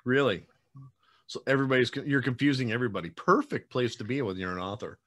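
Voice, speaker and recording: This podcast host, a man in his forties, has a mid-range, fairly bright voice and talks fast and animatedly. Interviewing a guest casually over a webcam video call from home, he rambles and chats, dropping lots of fillers and a bit of teasing.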